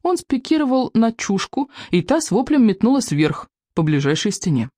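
Audiobook narrator, scripted narration, expressive, lively, dry close sound. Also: medium pitch, moderate pace, dry recording. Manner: expressive storytelling. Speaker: audiobook reader.

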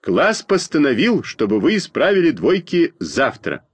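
A man voicing a bossy schoolgirl class leader who speaks in a firm, drawn-out, lecturing way, in a storybook reading. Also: on the high side, wildly swooping pitch, slightly rough, no echo, pitched above the performer's own voice, exaggerated voice.

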